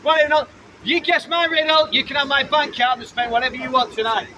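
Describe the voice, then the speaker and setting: A man's voice: very high voice, steady tone, brisk, sharp tone. A British man preaching fervently and insistently to passers-by outdoors, pressing them with repeated phrases and rhetorical questions. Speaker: street preacher. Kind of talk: open-air evangelistic preaching to passers-by, with riddles and questions. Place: outdoors on a busy urban street. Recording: noisy busy street with crowd and traffic.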